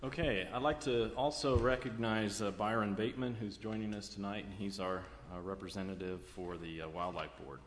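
American guy running a public meeting, lowish voice, procedural, echoey room w some noise. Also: steady tone, brisk, hardly any pauses. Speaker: meeting chairman. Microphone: meeting microphone.

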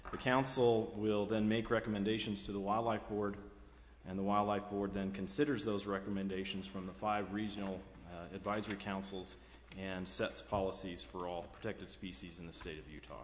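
Low-voiced American man chairing in an echoey room. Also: flat delivery, normal speed. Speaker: meeting chairman. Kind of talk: formal public meeting procedure. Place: large echoey indoor meeting room. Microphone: meeting microphone. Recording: echoey meeting room, clear background noise.

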